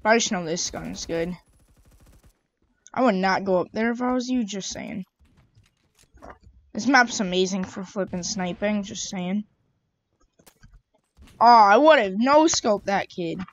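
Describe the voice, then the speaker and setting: A woman's voice: mid-range voice, a little slow, pauses often. A woman giving chatty, exasperated running commentary over her own gameplay. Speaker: gamer. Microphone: own desk mic. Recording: dull lo-fi home mic.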